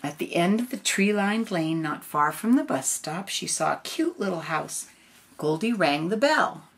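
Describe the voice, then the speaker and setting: An older woman reading a storybook aloud in a gentle grandmotherly way, adding casual asides. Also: lowish voice, animated, a little slow, slight background noise.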